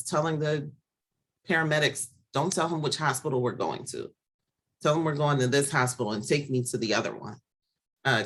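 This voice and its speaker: A woman giving a candid personal testimony as a guest, talking plainly and pausing often with fillers. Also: low-pitched. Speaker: guest sharing a survivor story.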